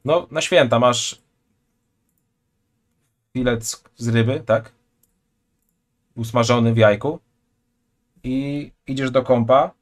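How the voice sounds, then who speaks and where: A man's voice: medium pitch, steady tone, slow, pauses often. A man in his twenties, joking and chatting loosely while reacting to a video on a live stream from a small room at home, speaking into a headset. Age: 20s. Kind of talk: casual live-stream commentary.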